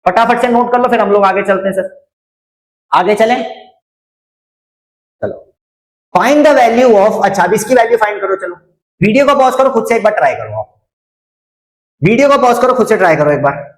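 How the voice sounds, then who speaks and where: A man's voice: high voice, animated, moderate pace, pauses often. A man teaching a maths lesson online, repeating each step, quizzing his students and teasing them. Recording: roomy echo.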